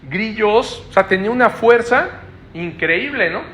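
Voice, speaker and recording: Male preacher, high bright voice, teaching style with frequent rhetorical tags. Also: expressive, measured pace. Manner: explanatory, asks listeners frequent rhetorical checks. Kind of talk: Bible study preaching.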